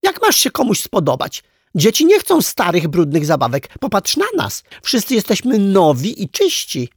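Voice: mid-range voice, huge pitch swings, normal speed, breathy edge, no echo, studio quality, voice pushed up, heavily acted. A haughty princess doll. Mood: scornful. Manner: sniffy and scornful. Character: high-pitched spoiled princess doll, haughty. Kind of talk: storybook reading.

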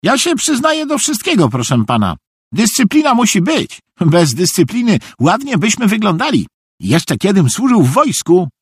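A naive, good-natured middle-aged soldier, put on by a man reading an audiobook, talking in a high, bouncing, earnest voice that rambles on. The tone stays husky and close, with no room around it. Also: wildly swooping pitch, moderate pace, dry recording, full character voice. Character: cheerful simple-minded middle-aged male soldier, earnest.

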